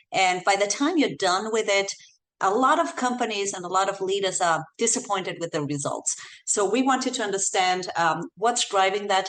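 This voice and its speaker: Speaking from a home office in the Bay Area, an Austrian-accented guest researcher from Austria walks a podcast interviewer through a report, her explanations dotted with ums and uhs. She has a medium-pitched, slightly bright voice.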